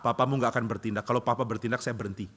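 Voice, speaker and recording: A man doing a calm, unbending old teacher. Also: medium pitch, rapid-fire, close to an everyday voice. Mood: stern. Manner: flat, firm, matter-of-fact. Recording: reverberant church hall.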